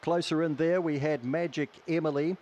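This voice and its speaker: A man's voice: on the high side, fairly even intonation, moderate pace, a little mellow, muffled recording. A man with a broad New Zealand accent calling a greyhound race in live commentary.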